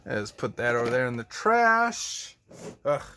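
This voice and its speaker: Very animated yet measured in pace, this man's medium-pitched voice sounds pushed and bright over a little hiss or hum. He teaches and hosts a kids' show, chatting playfully about toys in a goofy, theatrical manner with silly exclamations.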